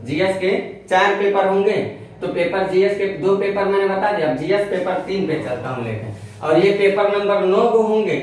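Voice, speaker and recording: A man with a slightly higher voice teaches at a whiteboard and repeats each key term as he writes. He is recorded from a distance in a very echoey room, so his voice bounces around the walls. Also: moderate pace, slight background noise. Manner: repetitive, explains step by step while writing on a board. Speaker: exam-prep teacher. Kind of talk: whiteboard lecture.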